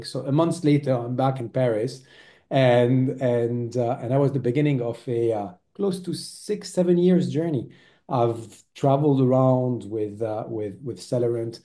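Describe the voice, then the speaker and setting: A man in his forties from Lebanon speaks as a podcast guest, his voice very dark and mellow. He talks at a middle pitch, pausing often and filling gaps with hesitant sounds. His delivery is relaxed and conversational. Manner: hesitant, many filler sounds. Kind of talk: interview conversation.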